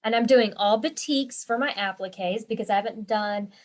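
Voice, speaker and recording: A woman's voice: fairly high pitch, normal speed. A woman hosting a live quilting and embroidery lesson from her home, chatty and rambling, with many fillers and restarts.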